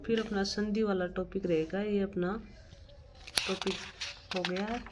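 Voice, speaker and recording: A woman's voice: medium pitch, steady tone, a little slow, background noise. A woman teaching an exam-prep grammar lesson, reading out definitions and examples and explaining them plainly. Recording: dull lo-fi recording with faint ambience.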